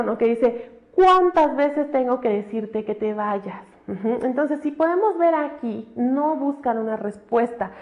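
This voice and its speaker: A woman teacher, giving a recorded lecture and often checking in with tag questions. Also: fairly high pitch. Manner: explains with frequent tag questions, animated examples. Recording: dull lo-fi recording.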